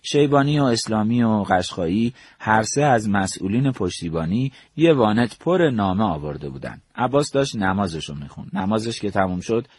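Casting note: husky male storyteller, measured first-person memoir narration, dry close mic. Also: lowish voice, lively intonation, a little mellow, no room sound.

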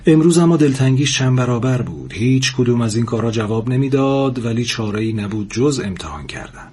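A man calmly reading a story aloud in a measured, soft-spoken way. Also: medium pitch, husky. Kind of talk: scripted story narration.

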